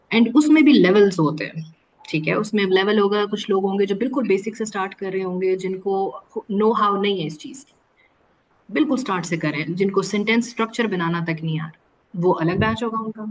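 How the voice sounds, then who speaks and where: A woman's voice: mid-range voice, moderate pace, slight background noise, low-quality recording. Woman teacher on a video call. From Pakistan. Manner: explains patiently, mixing Urdu and English mid-sentence. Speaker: spoken English teacher. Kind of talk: online orientation class.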